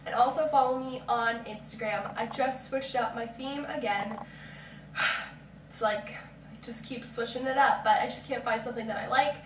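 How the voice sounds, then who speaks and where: Young woman, chatty vlog talk, fairly high voice, very echoey room, mic set back. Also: steady tone, normal speed, far from the mic, background noise. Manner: chatty, lots of fillers. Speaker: vlogger. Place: at home.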